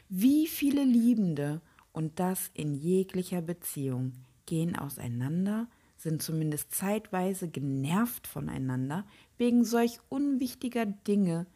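A woman hosting a reflective podcast, speaking softly and slowly, often dropping to a whisper. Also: lowish voice. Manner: slow, soft and breathy, with hushed whispered passages. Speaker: podcast host.

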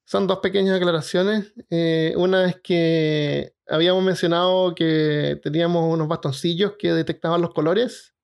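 A man's voice: fairly high pitch, steady tone, moderate pace, creaky, hardly any pauses, a little mellow, clean tone. A man co-hosting a casual podcast, laughing often as he explains points and wraps up the show. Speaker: podcast co-host.

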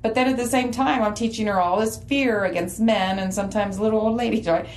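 A woman's voice: medium pitch, steady tone, brisk, rough recording. A woman in her forties, from Texas, co-hosting a podcast in casual chat and talking in a loose way with many fillers and restarts. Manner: conversational, with many fillers and self-corrections. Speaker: podcast co-host.

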